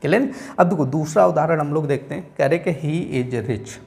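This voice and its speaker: A man teaching English grammar in a Hindi-language class, with an Indian accent, who keeps repeating "theek hai" and slows down to read example sentences word by word. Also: a little high, gravelly, darkish tone. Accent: Indian English, Hindi-speaking. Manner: repeats "theek hai" and "aap log dhyan rakhen" often.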